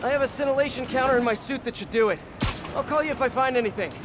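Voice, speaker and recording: A man's voice: extremely high pitch, fast talker, very noisy. A man playing a young, wisecracking superhero in a video game, with a playful, eager, wry way of talking. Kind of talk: video game voice acting, quippy banter.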